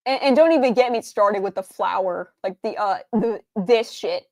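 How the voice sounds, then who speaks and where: A woman's voice: medium pitch, moderate pace, warm tone, no echo. A young adult woman streamer doing game reaction commentary, ranting in an exasperated tone and swearing freely.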